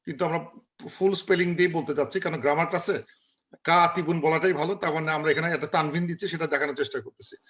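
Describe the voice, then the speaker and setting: Bangladeshi male teacher, bright forceful tone, video-call lecture, repetitive drilling with fillers. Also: on the high side, steady tone, very fast, muffled recording, a little hiss or hum. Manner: drills words by repeating them, with frequent filler sounds. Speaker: Arabic grammar teacher. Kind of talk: online class lecture.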